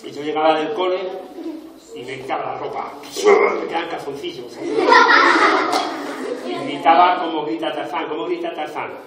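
A man's voice: on the high side, fairly even intonation, normal speed, long pauses. A man who is an illustrator from Spain, telling jokey stories to schoolchildren in a playful way and acting out voices. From Spain, Extremadura. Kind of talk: storytelling talk to schoolchildren. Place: school hall or classroom. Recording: echoey room, far from the mic, noisy children. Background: crowd of children.

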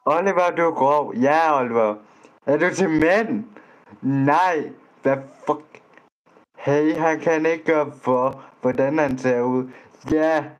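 A man's voice: on the high side, low-quality recording. Blunt, stammering young man chatting online. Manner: blunt, teasing, trips over words and restarts. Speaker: vlogger chatting with strangers online. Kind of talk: casual chat.

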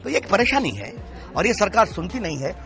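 A man's voice: high voice, big pitch swings, brisk, a bit bright, faint music behind. A male politician giving an emphatic interview outdoors at a street protest into reporters' microphones. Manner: emphatic, speech-like. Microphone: handheld reporter mics.

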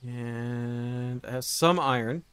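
A man's voice: mid-range voice, slow pace, a bit bright, smooth, no room sound. A man casually thinking aloud as he plays a survival game, unsure and often muttering to himself. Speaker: gameplay streamer. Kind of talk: casual let's-play commentary.

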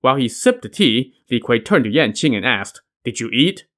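A man's voice: medium pitch, very animated, fairly quick, a bit bright. A man narrating a classic tale as a podcast host, in a wry tone with dry asides. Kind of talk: storytelling narration.

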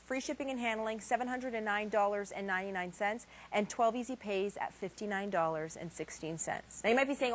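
A woman in her thirties giving a chatty, emphatic home shopping host sales pitch in a television studio.

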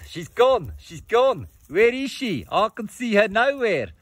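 Comic skit: fussy, overdramatic doll husband, played by a man, high voice. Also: very animated, measured pace, fairly bright tone, slightly rough, dry recording, studio quality, full character voice. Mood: frantic. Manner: overwrought, theatrical. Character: melodramatic doll man lost on safari. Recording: faint music behind.

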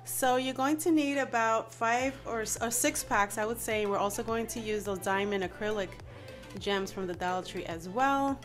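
A woman's voice: on the high side, normal speed, soft background music. Nasal-voiced woman hosting a craft tutorial. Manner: chatty, often says "you guys". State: nasal from allergies. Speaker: DIY channel host. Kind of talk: casual step-by-step craft tutorial.

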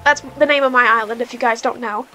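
A woman's voice: a little high, steady tone, fast, over music. A young woman hosting a gaming video, teasing and coaching her mother through the game. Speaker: gaming channel host. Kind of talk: casual gaming video commentary.

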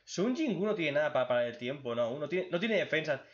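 Man, casual Q&A host, blunt and crude, slightly high voice, dull lo-fi sound. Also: sing-song, brisk. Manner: blunt, crude, joking, reads questions aloud then answers. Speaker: YouTube host answering viewer questions. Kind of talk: casual Q&A chat.

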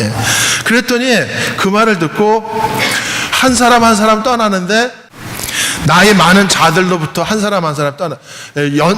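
A man's voice: high-pitched, fairly bright tone. A man, a parish priest, delivers a homily with a slightly raised voice and a chatty, questioning manner. His voice carries through a large church hall with long reverb, and a faint hum sits behind it. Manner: conversational preaching, often asks the congregation to respond. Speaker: pastor. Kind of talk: sermon.

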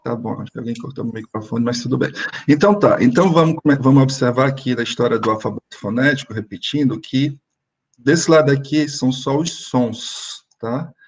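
A man with a husky, slightly breathy voice teaches a class over a video call. He explains things patiently, step by step, and checks in with his students often. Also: mid-range voice, brisk. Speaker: French teacher.

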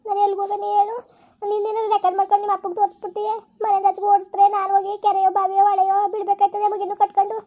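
A woman's voice: very high-pitched, completely flat delivery, very fast, dull audio. A woman playing a whining, self-pitying middle-aged stepmother in a village family skit. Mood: plaintive. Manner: plaintive, wheedling, self-pitying.

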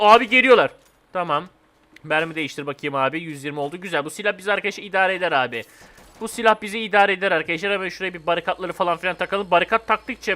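A young man hosting a gaming channel, commenting on a zombie game in slangy chat, excitable and yelling when in danger. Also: sits high. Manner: slangy, addresses viewers and teammates. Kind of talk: Roblox let's play commentary.

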